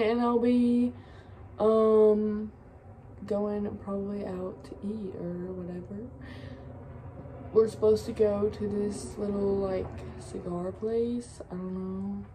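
A young woman chats to her phone at an unhurried, drawn-out pace. Her voice is mellow and relaxed, and a faint hum of room sound sits behind her. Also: mid-range voice. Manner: chatty, drawn-out, upbeat sign-off. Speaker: vlogger. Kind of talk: casual vlog talk to camera. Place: small hotel room indoors.

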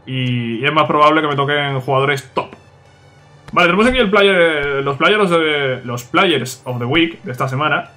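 A young man, excitably commentating his own gameplay and talking to viewers. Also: on the high side, normal speed, faint music behind. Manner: excitable, talks to viewers, frequent "tío". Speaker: gaming youtuber.

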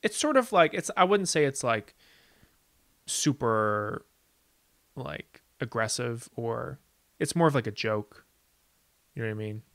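A man's voice: mid-range voice, lively intonation, a little slow, long pauses, a bit bright, no room sound. A young man co-hosting a casual film podcast, chatty and jokey, full of "like" and "you know". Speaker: podcast co-host.

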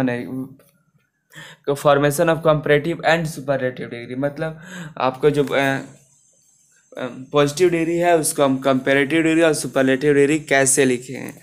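A man with a smooth, resonant voice teaches a grammar lesson. He explains each rule step by step, pausing with fillers and restarting his phrases. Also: medium pitch.

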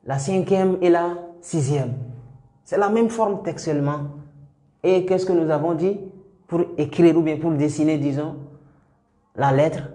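A man teaching Arabic letters step by step, slowly repeating each sound for learners to copy. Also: fairly high pitch, dark tone, echoey room. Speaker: Quran teacher.

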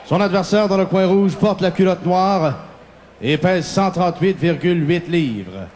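A man giving formal, drawn-out ring introductions in the manner of an arena announcer. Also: sits high, darkish tone, slight background noise. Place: boxing ring in an indoor arena.

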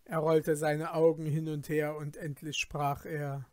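A male storyteller reading an old fairy tale slowly and calmly, with an unhurried pace throughout. The sound is dry and close, with no room around the voice. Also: fairly high pitch, no room sound. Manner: calm, even narration. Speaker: storyteller in a Santa Claus persona.

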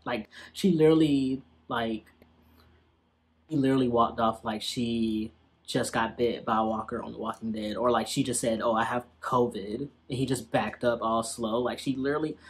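A man's voice: mid-range voice, husky. A young man giving casual, slangy and sassy commentary as he reacts to an old TV episode.

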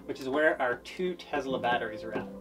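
A man's voice: medium pitch, a little fast. A young man hosting a casual boat tour, explaining refit plans with dry jokes. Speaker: boat-owning video host. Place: small wooden boat cabin, indoors. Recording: voice a bit distant, music behind.

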